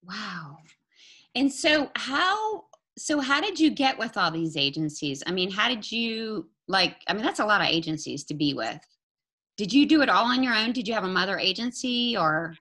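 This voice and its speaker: An effusive woman interviewer who exclaims often and chats casually with her guest. Her voice is bright and somewhat husky, and her pitch moves freely up and down. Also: very animated, normal speed. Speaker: interview host, model agent.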